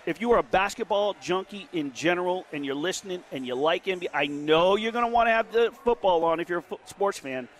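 A man hosting a sports betting radio show, giving emphatic, rapid-fire opinions from a casino sportsbook studio. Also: sits high, lively intonation, slight background noise.

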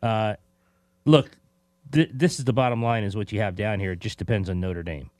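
A man's voice: on the low side, normal speed, a little mellow, dry recording, clean studio sound. A male sports radio co-host in casual talk, reasoning aloud conversationally and repeating words as he goes.

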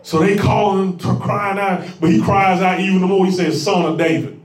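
A man preaching a sermon as pastor, with a rising call-and-response cadence that swells into shouts. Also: high voice, steady tone, normal speed, roomy sound, recorded from a distance, soft background music.

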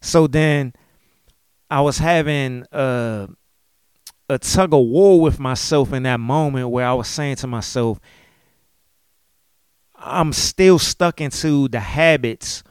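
A man's voice: medium pitch, smooth, dry recording, studio quality. A man in his late thirties, a podcast host, talking candidly and emotionally about his life, often adding "you know what I'm saying". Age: late 30s. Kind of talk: candid personal podcast talk.

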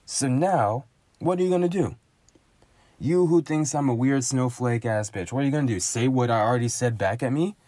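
A man rants in a loose, sardonic monologue, swearing freely and piling up emphatic asides. His pitch sits in an ordinary middle range. The sound is close and dry, with no room around it. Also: normal speed, warm tone, no room sound. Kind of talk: casual solo monologue rant.

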